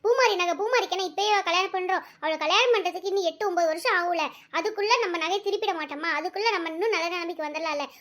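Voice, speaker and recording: A woman's voice: very high voice, quick pace, hardly any pauses, a bit bright. A woman voicing a caring, emotional village mother in a cartoon family drama. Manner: affectionate, tearful, talks in long runs.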